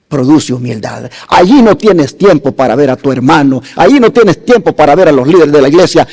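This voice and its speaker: A male pastor delivers a sermon at a very slow, deliberate pace, his voice gravelly and husky. He swings from loud, ringing emphasis down to near-hushed phrases. The sound carries a long reverb, as in a large hall. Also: a little high.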